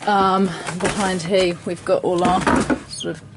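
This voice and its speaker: A woman giving a relaxed, chatty tour of her sailboat, filling gaps with ums. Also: on the low side, unhurried. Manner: chatty, relaxed, lots of ums and "bits and bobs". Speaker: boat owner giving a tour. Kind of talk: casual explanation. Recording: handheld camera with clear background noise.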